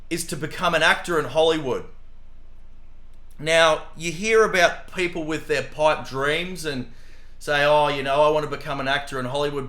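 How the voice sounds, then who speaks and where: A man's voice: fairly high pitch, fairly bright tone, roomy sound. A man hosting a podcast interview, chatty and enthusiastic, with many fillers. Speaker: podcast host. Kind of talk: casual interview.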